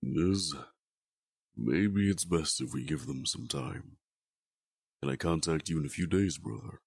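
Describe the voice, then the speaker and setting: A man voicing Khan, a remorseful, earnest brother in an audio drama, with a husky voice. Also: measured pace, dry recording, clean studio sound, heavily acted. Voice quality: deep gravelly husky voice.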